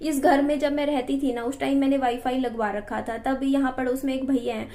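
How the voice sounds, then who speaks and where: A young woman with a high voice chats casually to her vlog audience. She talks in an easy, everyday way and keeps asking her viewers to agree with her as she goes. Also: steady tone, fairly quick, mellow. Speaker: family vlogger.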